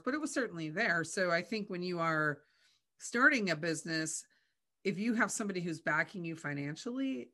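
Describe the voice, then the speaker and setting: A woman's voice: deep voice, sharp tone. A woman co-hosting a business podcast, chatting casually and upbeat, affirming her co-host and welcoming a guest. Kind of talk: casual chat, show hosting.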